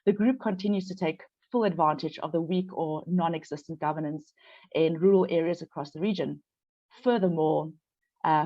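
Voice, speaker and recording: A woman's voice: deep voice, darkish tone, dull audio. Congested woman presenting. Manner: measured, reads from prepared notes. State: congested from flu. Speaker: panel presenter. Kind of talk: prepared presentation.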